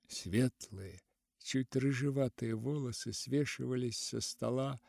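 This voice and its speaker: A man narrating an audiobook with slow, measured intensity. His voice is warm and dark, a little higher than most men's. The recording is dry and close. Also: dry recording.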